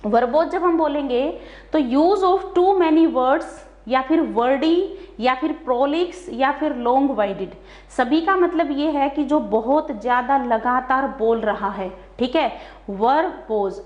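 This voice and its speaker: A woman's voice: high voice, a little slow, darkish tone, echoey room, lo-fi sound. A woman teacher with a Haryana accent, patiently explaining vocabulary and checking that the class follows. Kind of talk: vocabulary lesson.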